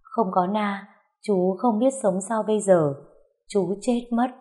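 A woman reading aloud and voicing a man, an uncle who pleads softly with the girl he loves. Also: mid-range voice, steady tone, slow, lightly acted. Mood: pleading.

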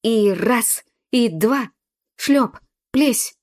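A woman's voice: medium pitch, normal speed, a little mellow, voice pushed up, natural voice. A woman voicing a frightened but brave young boy who cries out desperately while rowing. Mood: straining.

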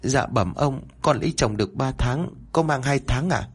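A man's voice: medium pitch, normal speed, breathy edge, lightly acted. A man voicing a frightened, pregnant young village woman who pleads tearfully. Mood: pleading.

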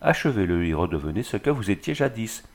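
A man's voice: lowish voice, big pitch swings, fairly quick, breathy edge, heavily acted. A man playing a sneering drunken glassmaker. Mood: bitter. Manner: sneering and bitter. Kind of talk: audiobook character reading.

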